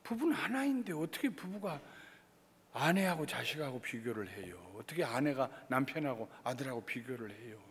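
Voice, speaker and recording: A male pastor giving an expository sermon with lively delivery, acting out everyday family scenes. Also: mid-range voice, normal speed, husky, big-room sound. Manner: animated, acts out everyday scenes.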